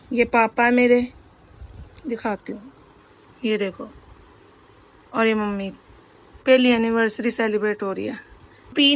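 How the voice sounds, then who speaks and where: High-voiced chatty young woman vlogger. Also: no echo. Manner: chatty and rambling, addresses viewers directly. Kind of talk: casual vlog chat.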